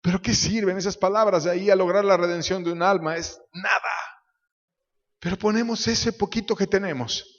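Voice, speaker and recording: A pastor preaching a sermon, swinging between loud emphatic bursts and quiet low asides, sometimes acting out voices. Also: male voice. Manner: acts out quoted voices in his preaching. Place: church. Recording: echoey church hall, dull lo-fi sound.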